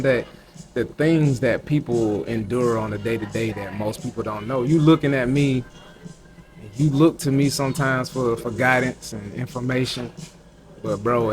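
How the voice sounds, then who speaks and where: A man's voice: medium pitch, normal speed, music in the background. A man telling his own story in a candid, reflective chat, often acting out what others said. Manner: candid, slangy, reflective, tells in quoted dialogue.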